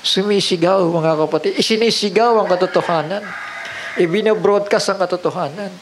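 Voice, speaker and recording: A man's voice: high-pitched, a little fast, background noise. A man preaching a sermon, mixing in English phrases and often asking the congregation rhetorical questions.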